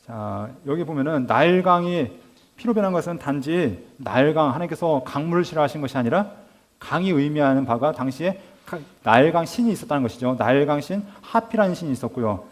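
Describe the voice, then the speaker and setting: A man teaching a Bible school class, asking his listeners rhetorical questions and acting out lively quoted dialogue. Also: on the high side, brisk. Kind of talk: lecture to a class.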